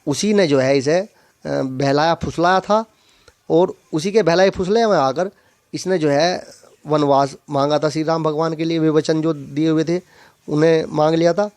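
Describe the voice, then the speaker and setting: A male teacher explaining a Hindi poem line by line, reciting verses and then repeating key phrases to make them clear. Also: on the high side, normal speed, darkish tone, dry recording. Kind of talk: poetry lesson explanation.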